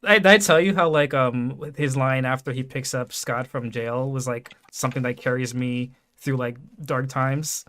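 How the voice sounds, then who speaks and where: A man from New York co-hosting a casual podcast chat, animated and quick to laugh. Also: mid-range voice. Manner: animated, excitable, laughs a lot. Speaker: podcast co-host.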